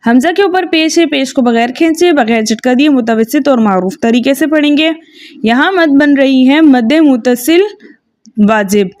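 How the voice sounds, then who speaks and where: High-voiced, patient woman teaching recitation. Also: lively intonation, a little mellow. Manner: patient, methodical, repeats "okay" and checks understanding; slow drawn-out chanting when reciting verses. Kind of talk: tajweed lesson with recited examples.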